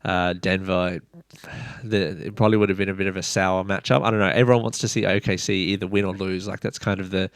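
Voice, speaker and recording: Gravelly low-voiced man hosting a podcast. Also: flat delivery, fast talker. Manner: rambling, lots of "kind of" and "you know". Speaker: podcast host. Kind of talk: casual sneaker podcast chat.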